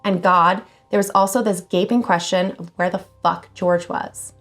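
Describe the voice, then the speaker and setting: A woman hosting a channel where she reads scary online stories aloud, expressive and casual, swearing now and then. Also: fairly low pitch, normal speed, soft background music. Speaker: horror story channel host.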